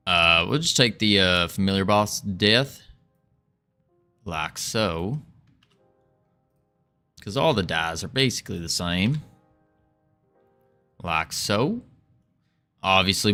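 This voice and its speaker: Laid-back man dev on stream, low-pitched, unhurried, greets chat between tasks, soft music behind. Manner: relaxed, chatty, greets viewers, muses while working. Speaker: indie game developer streaming. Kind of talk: casual live coding stream, thinking aloud.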